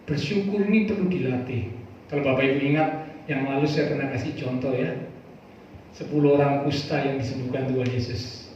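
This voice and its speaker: Male pastor, lively sermon, echoey church hall, dull far-off mic. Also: on the high side, slight background noise. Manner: lively, folksy preaching with playful asides.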